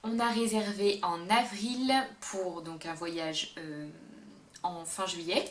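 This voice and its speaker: A woman's voice: on the low side, fairly even intonation, slow. A woman vlogger chatting to the camera in a casual, upbeat way about travel tips, often hesitating mid-sentence. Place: indoor room, talking to camera. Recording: roomy echo with faint background hum.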